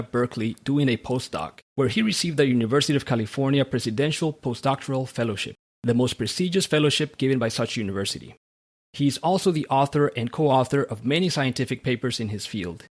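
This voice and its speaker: A man from Central America, hosting a podcast in a measured, read-aloud manner. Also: mid-range voice. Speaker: podcast host. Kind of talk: scripted podcast monologue and interview.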